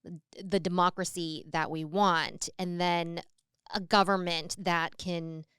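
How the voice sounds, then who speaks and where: A woman's voice: fairly low pitch, fairly even intonation, takes it slowly, fairly bright tone, smooth, no room sound, studio quality. A young adult American woman co-hosting a podcast, speaking in an earnest, thoughtful way with many fillers and restarts. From United States. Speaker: podcast co-host. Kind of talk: casual conversation.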